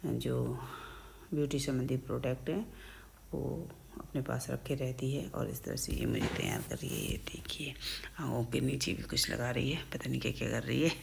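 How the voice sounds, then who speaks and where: A middle-aged woman talks her viewers through her day in an easygoing vlog. Her voice sits very low and carries a strong, gravelly fry. A faint hiss runs underneath. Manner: chatty, narrating each step as it happens. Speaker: family vlogger. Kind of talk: casual vlog narration.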